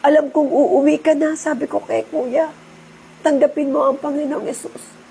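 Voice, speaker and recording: A woman's voice: high-pitched, fairly even intonation, moderate pace, gravelly, mellow, slight background noise. A middle-aged woman, giving a personal testimony in an earnest, preachy and emotional way. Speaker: insurance agent sharing testimony.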